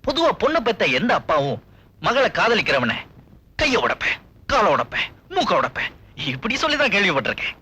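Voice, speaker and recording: A cheeky young film lover. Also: male voice, high voice, huge pitch swings, brisk, sharp tone, breathy edge, exaggerated voice. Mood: bantering. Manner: playful, bantering, laughs often. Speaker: young suitor. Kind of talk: 1980s film dialogue.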